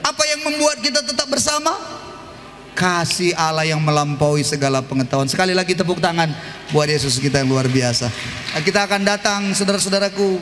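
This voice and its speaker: A man's voice: on the high side, expressive, fairly quick, slight background noise. Impassioned male pastor preaching in a hall. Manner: impassioned preaching, swinging from shouts to soft murmurs. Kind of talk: sermon. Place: church sanctuary.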